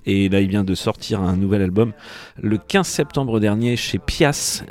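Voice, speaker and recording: A man's voice: on the low side, unhurried, a little mellow. A French-speaking man hosting a local radio show, chatting playfully with fillers and hesitations. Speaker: radio host. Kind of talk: casual radio banter. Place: radio studio.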